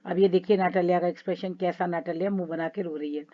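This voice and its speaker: A woman teacher going through a play line by line, reading the English passages slowly and with feeling, then explaining them in conversational Hindi. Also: lowish voice, steady tone, lo-fi sound.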